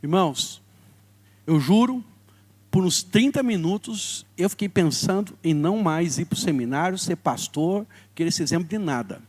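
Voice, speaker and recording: A Brazilian man in his thirties preaching a sermon with a notably high voice. He tells a personal story to his congregation, rising to loud stretches and then dropping low. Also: moderate pace. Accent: Brazilian Portuguese. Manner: storytelling with lively swings between loud and soft. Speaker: pastor.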